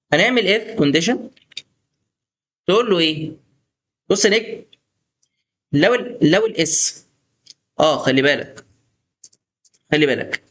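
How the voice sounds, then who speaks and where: A man's voice: on the high side, fairly bright tone. A young man with an Egyptian Arabic accent teaching a coding lesson in a chatty, coaxing way, often talking straight to the viewer. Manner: chatty, coaxing, addresses viewer as "boss" and "star". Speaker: programming instructor. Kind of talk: screen-recorded coding tutorial.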